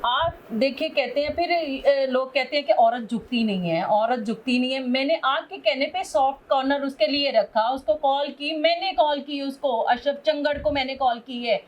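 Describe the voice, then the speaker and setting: High-voiced scolding woman. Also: normal speed, hardly any pauses. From Pakistan. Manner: scolding, indignant, pleading. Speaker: caller, estranged wife. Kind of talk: angry phone call to husband.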